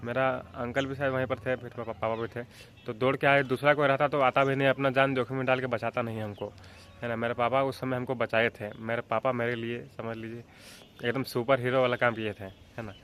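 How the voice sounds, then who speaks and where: A young man from Jharkhand, India, vlogging a casual childhood story in a rambling way, often checking in with the listener and clearing his throat. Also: mid-range voice, little pitch movement, brisk, a bit bright, a little hiss or hum. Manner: rambling, with frequent filler checks like "theek hai" and "hai na".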